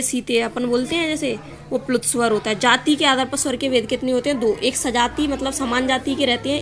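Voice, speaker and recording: A woman teaching an exam-prep grammar lesson, asking quiz questions and answering them herself, stretching vowels to show their length. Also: high-pitched. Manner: asks and answers her own quiz questions.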